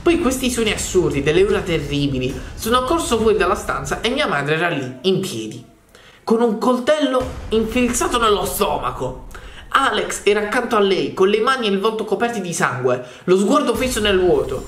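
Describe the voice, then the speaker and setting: A reader voicing a young man in a horror chat story, reading his messages aloud in a flat, plain way. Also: high voice, moderate pace, roomy sound, a little hiss or hum, voice pushed up. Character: young man telling of his troubled brother.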